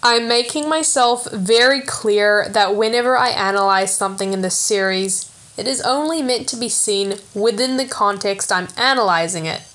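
A woman hosting a podcast, talking through a film analysis in a chatty way with self-aware asides and the odd excited swear. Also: mid-range voice, moderate pace. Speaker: podcast host. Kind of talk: casual film analysis commentary.

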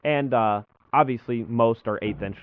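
A man's voice: medium pitch, normal speed. A young man hosting a podcast in a casual, chatty style. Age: young adult. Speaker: podcast host. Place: small school room, indoors. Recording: muffled phone-like audio, dry.

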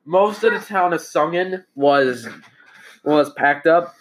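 A man improvising casually as game master of a tabletop game, halting and jokey as he narrates. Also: a little high, slight background noise.

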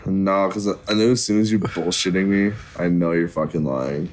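A man's voice: low-pitched, fairly even intonation, moderate pace. A young man co-hosting a casual podcast chat, laid-back and reacting with a lot of swearing. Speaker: podcast co-host.

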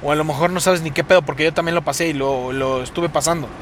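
A man's voice: a little high, steady tone, fast. Young Mexico City guy, foul-mouthed podcast host, recorded while driving with faint road noise. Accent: Mexico City Spanish. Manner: rambling, profane, sing-song delivery. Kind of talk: casual solo podcast monologue. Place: inside a car while driving. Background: car and road noise.

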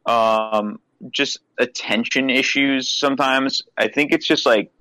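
A man's voice: mid-range voice, steady tone, slow pace, pushed and bright, no echo, poor audio. A man talking basketball on a podcast in a loose, rambling, profane way. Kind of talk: casual podcast chat.

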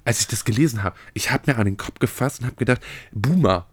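A man's voice: mid-range voice, quick pace, husky, no echo. A young man co-hosting a casual podcast chat, telling stories bluntly and swearing freely. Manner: blunt, swears, animated storytelling. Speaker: podcast co-host.

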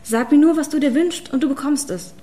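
A woman's voice: on the high side, animated, normal speed, close to an everyday voice. A woman reading an audiobook, voicing a fierce, power-hungry female witch who hisses and commands. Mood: fanatical. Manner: hissing, commanding, then shouting.

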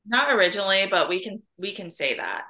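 A woman's voice: medium pitch, lively intonation, fairly quick, bright, forceful tone. A woman nurse who grew up in the Chicago area, giving emphatic, frank advice in a casual podcast conversation. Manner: emphatic, advising. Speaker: nurse guest. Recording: roomy echo.

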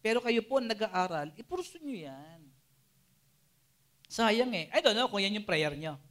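A man preaching to a youth group, animated and always checking in with his listeners. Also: sits high, unhurried. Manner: animated, keeps asking the listeners "Amen?" and "di ba?". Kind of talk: Taglish sermon to a live and Zoom audience.

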